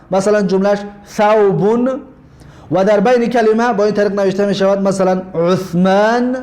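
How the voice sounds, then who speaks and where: A man with a Tajik Persian accent teaching a language lesson, explaining slowly, repeating points and spelling words out. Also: sits high, darkish tone.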